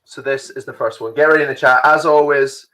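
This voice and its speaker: A man's voice: medium pitch, steady tone, fairly quick, pushed and bright, slight background noise, rough recording. Man, youth quiz host, rambling chatty delivery, home computer mic. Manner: chatty, rambling explanations with frequent laughs. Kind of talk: casual online quiz hosting.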